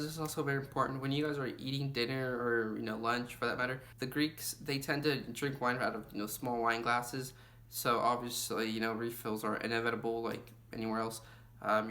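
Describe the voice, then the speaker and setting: A man's voice: mid-range voice, sharp tone. A young man vlogging travel advice in a casual, rambling way, full of "you know" and "like". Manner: chatty, lots of fillers like "you know" and "like". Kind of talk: casual travel tips to camera.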